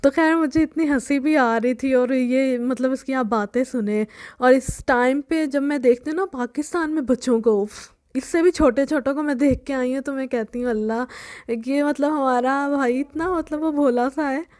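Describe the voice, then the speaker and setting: A young Pakistani vlogger rambles through a casual story, chatting away and restarting again and again with "anyway." Her high voice has a darkish tone and a moderate pace.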